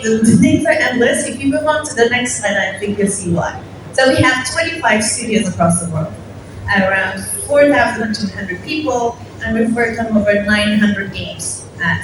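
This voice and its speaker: A young woman from Morocco giving a casual, self-deprecating conference talk to an audience. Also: mid-range voice. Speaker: conference speaker. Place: large hall at a conference. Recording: echoey hall from far off, noisy.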